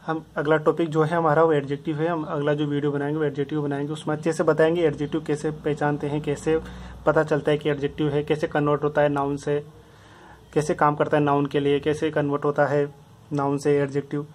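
Male grammar teacher, fairly high voice, patient step-by-step repetition. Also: monotone, a little fast, darkish tone. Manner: repetitive, explains step by step with many examples. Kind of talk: casual Hindi lesson explanation.

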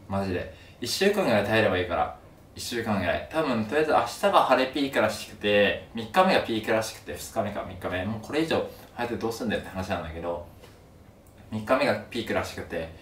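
Two days past wisdom tooth removal and still sore, a young man chats animatedly to his camera, spinning a story from a small indoor room at home. He speaks in a lowish voice, picked up by a camera a few steps off, so the audio is roomy, distant and somewhat noisy.

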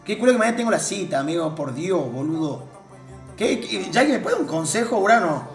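High-voiced excitable Argentine streamer man. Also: brisk, gravelly, echoey room, soft background music. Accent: Argentine Spanish. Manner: excitable, loud outbursts and shouting, heavy slang and swearing. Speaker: slots streamer. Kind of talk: live gambling stream chat.

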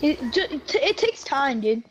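High-voiced woman rambling over game chat. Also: sing-song, moderate pace, dull audio. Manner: rambling, repeats herself, slangy. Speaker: gaming teammate. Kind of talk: casual voice chat while gaming.

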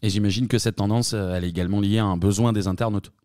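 A man hosting a podcast, asking brief questions and reacting quickly. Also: on the low side, fairly even intonation, a little mellow, no echo, clean studio sound. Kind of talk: podcast interview.

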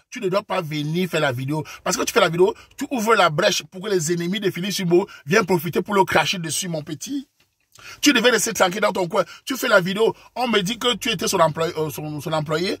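Fast, husky Cameroonian man lecturing. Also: high-pitched, a bit bright, no room sound, clean studio sound. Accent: Cameroonian French. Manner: lecturing, admonishing, repetitive address. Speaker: online commentator. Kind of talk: casual direct-to-camera rant.

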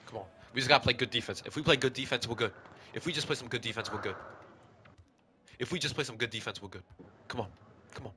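A young American man giving excited, casual gameplay commentary into a headset, full of slangy trash talk and swearing. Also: mid-range voice, fast talker, long pauses, slight background noise. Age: young adult. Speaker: gaming video host and player. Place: small indoor bathroom, sitting in an ice bath. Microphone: gaming headset.

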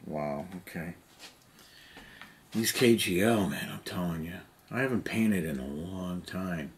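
This middle-aged man has a deep, expressive voice and takes his time, chatting and rambling with plenty of "you know" while painting miniatures. A hobby vlogger in a cluttered basement hobby room, he speaks to a camera on the table nearby, with a little hiss or hum audible.

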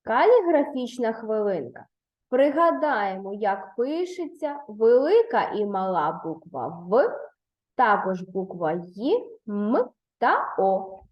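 A woman's voice: mid-range voice, very animated, takes it slowly, muffled recording. A woman teaching a primary school lesson to young pupils, patient and encouraging, praising answers and prompting the next step. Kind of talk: online lesson for third graders. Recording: roomy echo.

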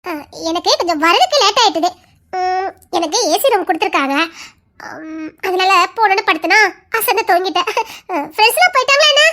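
A woman acting out a young heroine whose voice sits extremely high and swoops with animation. She stammers, pleads and laughs nervously. The tone is bright and piercing in this audio drama. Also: animated, fairly quick, heavily acted. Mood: chatty. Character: young woman, frightened but defiant.

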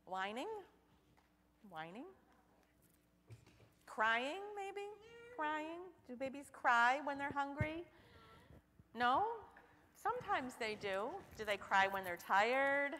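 A young woman giving a children's sermon in church, asking the children questions in an animated way. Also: high voice, slow, long pauses. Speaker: children's message leader. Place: church sanctuary. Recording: church hall reverb.

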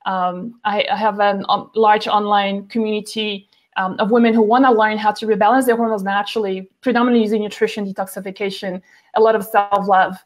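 Her voice is mid-range and steady, moving a little fast. She's a woman in her forties, a nutrition author and video call interview guest, whose casual talk is peppered with fillers and restarts, filmed at home by a window backed by plants.

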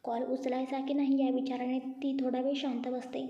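A woman narrating a romance story in a steady, even manner. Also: high-pitched, moderate pace. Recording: dull echoey room.

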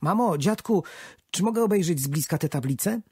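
A man's voice: sits high, animated, fairly quick, darkish tone, husky, no echo, clean studio sound, voice pushed up, heavily acted. Man doing an eager little boy. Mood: pleading. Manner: eager, questioning. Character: curious eager young boy.

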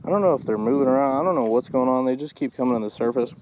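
A man's voice: medium pitch, very fast, background noise. A man vlogging his fishing trip from a kayak on a lake, chatting casually to his viewers about what he is doing. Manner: chatty, talks to viewers as guys, bursts into excited shouts when fish bite. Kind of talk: casual first-person fishing commentary. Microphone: action camera mounted on the body.

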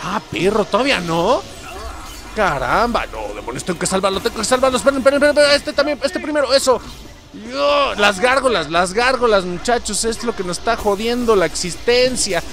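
A man with a Mexican accent giving excited let's-play commentary, yelping, swearing and talking to his viewers. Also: high voice, brisk, faint music behind. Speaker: gameplay streamer.

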